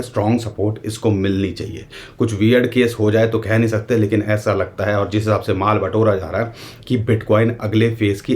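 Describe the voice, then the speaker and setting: Addressing viewers directly, the Indian-accented crypto commentator offers a relaxed market analysis and refers to himself as "we." His voice is medium in pitch with a darkish tone.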